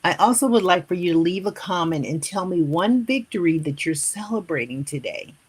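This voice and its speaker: A woman's voice: on the low side, expressive, breathy edge. A woman in her fifties or older hosting a live motivational stream. She addresses viewers as family and leads them through repeated affirmations. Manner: slow, repetitive affirmation-leading. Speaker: motivational host.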